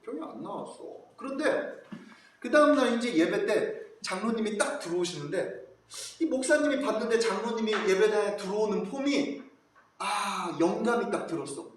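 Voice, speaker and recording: A male pastor giving a children's sermon, animated, asking the children questions and acting out voices. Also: high voice, moderate pace. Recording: echoey hall, far from mic, faint noise.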